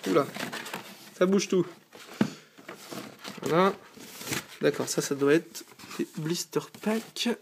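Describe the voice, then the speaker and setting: A man's voice: a little high, slow pace, creaky, long pauses, background noise. A tired man hosting a casual unboxing vlog from a small sofa indoors, talking eagerly and stopping often to hesitate. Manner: eager, chatty, frequent hesitations. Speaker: channel host.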